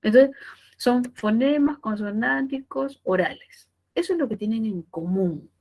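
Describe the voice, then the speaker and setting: A woman giving a pre-university language lecture, explaining step by step with rhetorical questions and drawing out key terms slowly. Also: on the high side, animated, muffled recording. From Peru. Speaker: language teacher.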